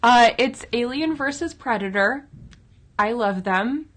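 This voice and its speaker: A woman's voice: a little high, animated, measured pace, fairly bright tone. A woman co-hosting and working as a digital editor, chatting casually and rambling with lots of fillers. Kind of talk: casual chat reviewing comics.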